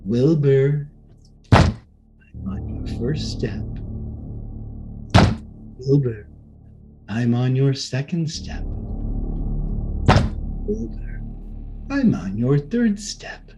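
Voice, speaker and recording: A man doing a slow menacing ghost. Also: lively intonation, dull audio, loud music behind the voice. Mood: creeping. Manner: slow, drawn-out, low menacing calls. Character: menacing male corpse ghost, slow and hollow.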